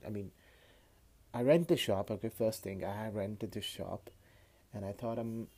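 Man, late twenties, Kashmiri accent, low slow voice, halting casual podcast monologue, phone recording. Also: creaky, mellow. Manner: halting, often repeating words. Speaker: podcast host.

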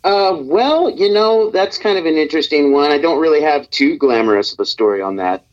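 A man's voice: on the high side, lively intonation, brisk. A man from Nebraska on speakerphone, guesting on a radio show in an easygoing, rambling chat full of fillers and restarts. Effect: heard over speakerphone. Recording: dull, muffled speakerphone line.

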